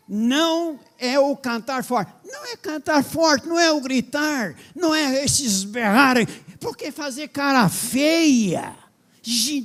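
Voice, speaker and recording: In an impassioned sermon, a pastor with a strikingly high voice speaks plainly and directly to his congregation, his delivery swinging into loud, emphatic questions.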